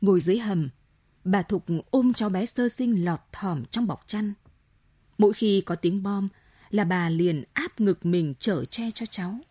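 A woman narrating a novel in slow, measured storytelling, on a dull lo-fi audiobook recording. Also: mid-range voice, warm tone, husky, no echo. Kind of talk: scripted narration. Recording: dull lo-fi recording with faint music.

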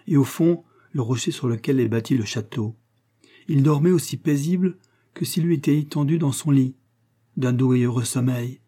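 A haunted aristocratic countess confesses a buried temptation, as a man reads her part aloud. The reading is grave and intense, in a dark, mellow tone. A husky grain runs under every line. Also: medium pitch, natural voice.

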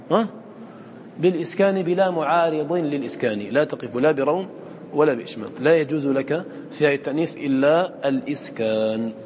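A man's voice: a little high, in a large hall, a little hiss or hum. A man teaching students the rules of Quran recitation, who often quizzes his listeners and repeats his points. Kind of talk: lecture to students.

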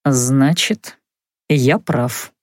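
A smug young male mage with a calm, teasing drawl, put on by a woman reading an audiobook. His voice sits lower than hers but still moves up and down a lot. The recording is dry and close. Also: very slow, no echo, heavily acted. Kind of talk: audiobook character voice.

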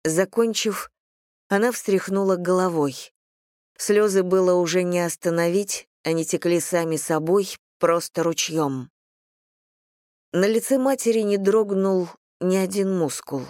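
Audiobook narrator, unhurried and measured, even read, dry studio sound. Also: mid-range voice, no echo.

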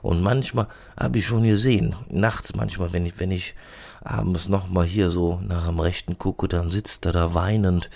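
A man's voice: sits low, steady tone, normal speed, creaky, a little mellow. A man playing a gossipy, grumbling male lab assistant with a Rhineland accent, rambling and fumbling for names in a comic podcast monologue. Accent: Rhineland German. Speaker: podcast character.

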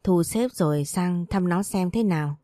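Older country mother in a storybook, fond but bossy, read by a woman, warm low voice. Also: normal speed, no room sound, natural voice.

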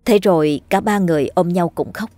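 A woman reading a ghost story aloud as a storyteller, in a steady, measured way. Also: on the low side, dry recording, faint music behind. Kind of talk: scripted ghost story narration.

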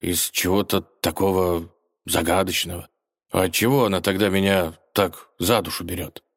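A man's voice: deep voice, steady tone, moderate pace. A man voicing a dreamy male grey wolf in a storybook tale, sighing and drawling. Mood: puzzled.

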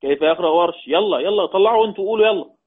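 A man with an Egyptian Arabic accent teaching Quran readings in class, quizzing his students and slowly chanting each reading. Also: high-pitched, breathy edge. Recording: tinny phone-like recording.

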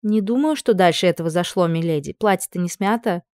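A woman's voice: fairly low pitch, brisk, a little mellow, clear, resonant tone, dry recording, studio quality, lightly acted. A woman voicing a young, impudent lady-in-waiting who breaks into breathless, pleading outbursts. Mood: mocking.

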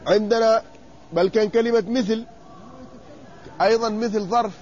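A man teaching a classroom lesson, stretching out word forms slowly and quizzing his students. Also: sits high, steady tone, darkish tone. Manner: drawn-out repetition of word forms, questioning students. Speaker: sheikh teaching inheritance law. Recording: muffled lo-fi lecture recording with faint noise.

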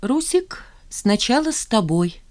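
A reader voicing an emotional young woman at a party, pleading and desperate, a touch higher than their own voice. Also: very animated, unhurried. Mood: tender. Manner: pleading, then desperate and shouting.

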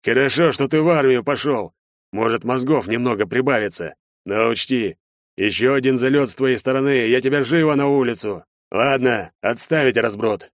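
A man voicing a gruff older army major in an audiobook, commanding and scolding in a loud, barking way. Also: mid-range voice, moderate pace, no echo, clean studio sound, pitched above the performer's own voice, natural voice. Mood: stern. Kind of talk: audiobook character voice.

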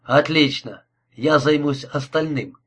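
A man reading an audiobook, voicing a calm, politely mocking male killer with a husky voice. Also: a little high, takes it slowly, full character voice. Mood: cold menace. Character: cold courteous male killer, calm and menacing.

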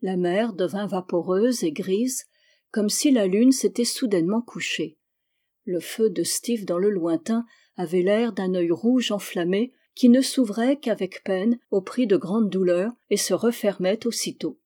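A woman narrates a literary novel in a measured, unhurried reading, dwelling on the images. Her voice sits at a middle pitch with a mellow, darkish tone. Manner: measured, descriptive. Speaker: audiobook reader.

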